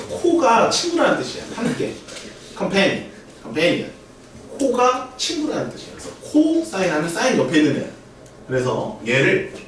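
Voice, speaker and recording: A man teaching a math class with a bouncy, animated delivery, a little higher-pitched than most men. He is heard from across an echoey classroom, with steady noise underneath. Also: distant mic. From Korea. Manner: lively, drills students with call-and-response. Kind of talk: classroom lecture. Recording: echoey room recorded from afar, noisy.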